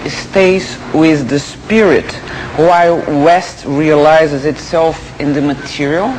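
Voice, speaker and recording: A man interviewing, halting and searching for words, with many ums. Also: on the high side, background noise. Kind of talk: interview questions.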